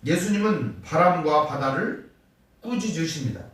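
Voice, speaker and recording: A male pastor preaching a Wednesday sermon, asking rhetorical questions and acting out quoted lines with big swings in pitch and loudness, recorded in a church sanctuary. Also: expressive, moderate pace, far from the mic. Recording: very echoey church hall, voice from off-mic.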